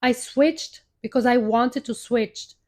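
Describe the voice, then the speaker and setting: A woman's voice: on the high side, slow, a little mellow. A young woman hosting a live stream, telling a personal story in a casual, heartfelt, rambling way with many restarts.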